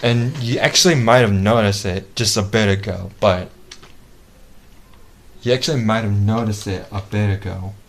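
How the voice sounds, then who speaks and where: A man with a fairly low voice demonstrates a product in a casual review. He speaks haltingly, circling back to repeat and restart his sentences. The home-video recording has clear background noise. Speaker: toy reviewer.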